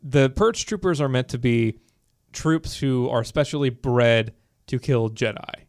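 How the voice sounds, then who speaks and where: A male podcast co-host chats casually, speaking quickly and loosely with plenty of "like" and "you know" in an animated, geeky way. His pitch is an ordinary mid-range. The recording is dry and close-miked, with no room sound at all.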